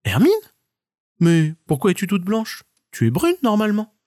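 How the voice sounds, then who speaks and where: A man's voice: high-pitched, very animated, normal speed, darkish tone, no echo, clean studio sound, pitched above the performer's own voice. A man voicing a small, curious and timid marmot for a children's storybook, speaking in a wondering, shy way.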